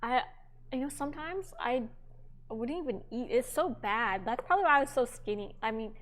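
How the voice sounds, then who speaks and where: A young woman with a slightly high voice chats casually with her stream's viewers while cooking at home. She rambles freely, filling her sentences with hesitations as she goes. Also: expressive, normal speed, fairly bright tone. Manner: chatty and rambling, with frequent fillers. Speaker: livestreamer. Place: home kitchen.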